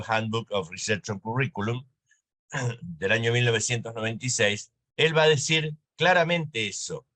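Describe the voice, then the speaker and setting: A man's voice: mid-range voice, pushed and bright. Didactic male lecturer with an Argentine accent. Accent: Argentine Spanish. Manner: didactic, checks in with "¿sí?" and "¿eh?". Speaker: university lecturer. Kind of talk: recorded lecture.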